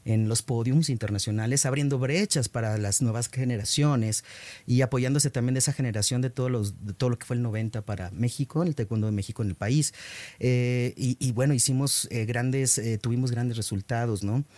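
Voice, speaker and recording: A man's voice: mid-range voice, a little fast, no room sound. Modest middle-aged man, dry sound. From Mexico. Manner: warm and modest, many fillers and rephrasings. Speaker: guest, former athlete. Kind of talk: conversational interview answers.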